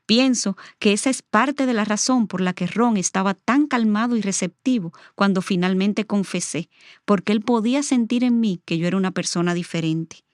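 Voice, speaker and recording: A woman's voice: mid-range voice, normal speed, no room sound, studio quality. A middle-aged woman, a guest on the show, telling a personal testimony in an earnest, reflective way. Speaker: interview guest.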